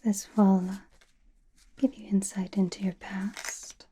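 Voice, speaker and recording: A woman playing a confident, mysterious witch and fortune teller in an ASMR roleplay, whispering breathily in a slow, soothing way with musing pauses. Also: medium pitch, level tone, mellow, a little hiss or hum, lightly acted. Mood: calm, mysterious.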